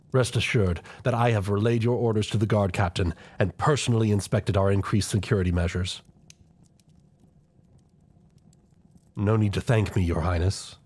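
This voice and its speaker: A man performs the role of an older fantasy-court chancellor in audio roleplay, using a low, somewhat rough-edged voice with a darkish tone. Deferential and solemn, he speaks with deliberate, formal courtesy, loyal to the crown and grave, but with a scheming streak.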